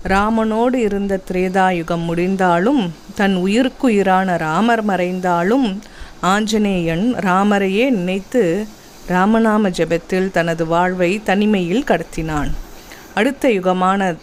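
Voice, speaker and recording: Woman narrator, devotional tale, very slow measured reading. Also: medium pitch, a little hiss or hum. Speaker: storyteller.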